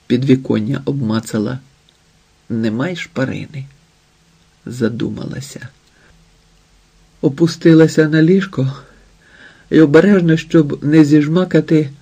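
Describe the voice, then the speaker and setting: A man reading an audiobook in a quiet, intimate, unhurried way. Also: mid-range voice, vocal fry, slightly rough. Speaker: audiobook narrator. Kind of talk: scripted narration.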